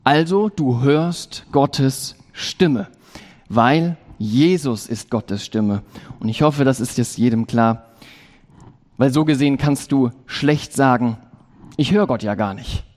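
A man preaching a sermon, slow and emphatic, repeating key phrases with rising stress. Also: medium pitch, a little mellow. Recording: long reverb of a large hall.

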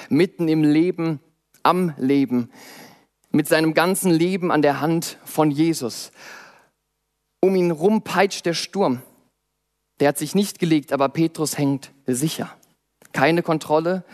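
Young man preaching with dramatic swings. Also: a little high. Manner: dramatic, rhetorical questions, swings loud and soft. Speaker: youth preacher. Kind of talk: sermon.

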